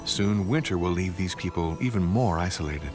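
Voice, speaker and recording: A man's voice: sits low, animated, normal speed. A man reading scripted narration for a nature documentary. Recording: music under the voice. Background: background music.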